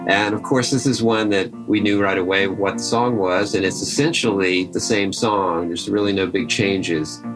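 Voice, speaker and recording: A man hosting a podcast, telling the story behind old recordings in a relaxed, conversational and enthusiastic way. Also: low voice, normal speed, hardly any pauses, over music, poor audio. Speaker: podcast host. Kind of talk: casual storytelling commentary.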